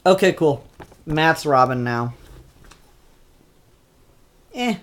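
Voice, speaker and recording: Sounding congested and stuffed-up, this comic reviewer talks about new issues casually, often saying um and starting sentences over. The mid-range voice is animated but very slow.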